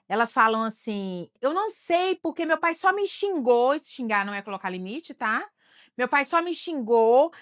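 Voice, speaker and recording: A woman's voice: on the high side, a bit bright. A woman with a Brazilian Portuguese accent giving conversational advice to camera as a child and family therapist, often ending phrases with tag questions.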